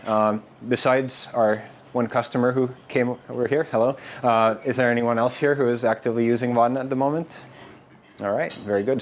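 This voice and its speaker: A man's voice: mid-range voice, slight background noise. A man from Finland giving a casual developer presentation at a meetup, informal and loose, with frequent fillers and restarts. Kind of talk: conference tech presentation. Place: meetup room with a live audience.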